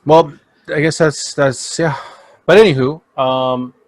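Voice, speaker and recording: Young male podcast co-host, blunt and profane with a ready laugh; a touch high-pitched, dry recording. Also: steady tone, a little slow, no room sound. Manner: blunt, laughing storyteller, swears freely. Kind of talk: casual chat.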